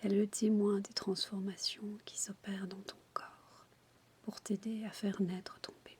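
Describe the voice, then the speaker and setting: A woman guiding a relaxation in a breathy, intimate ASMR whisper, soothing and addressing the listener directly. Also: mid-range voice, little pitch movement, normal speed, noisy background. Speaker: relaxation guide for childbirth.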